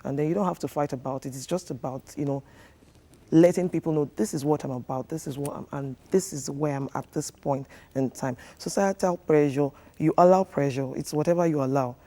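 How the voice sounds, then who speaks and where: A man's voice: fairly high pitch, a little fast, mellow. A man, a relationship coach giving earnest, instructive advice in a TV studio interview, with many fillers.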